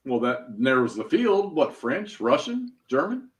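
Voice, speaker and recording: A man's voice: mid-range voice, big pitch swings, unhurried. A man in his fifties chatting casually with friends, telling long stories and laughing at his own jokes. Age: 50s. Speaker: tabletop gaming group member. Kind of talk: casual chat.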